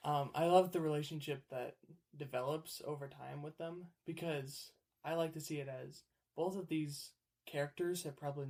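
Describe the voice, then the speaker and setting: Young male co-host, slightly higher pitch, gravelly, easygoing. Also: darkish tone. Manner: easygoing, frequent short agreements. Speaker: podcast co-host. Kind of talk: casual podcast chat.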